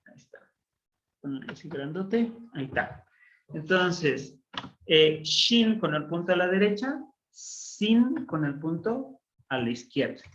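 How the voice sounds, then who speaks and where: A man teaching a Biblical Hebrew class online, explaining slowly and patiently with frequent pauses and fillers. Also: fairly high pitch, sing-song, fairly bright tone, highs cut off.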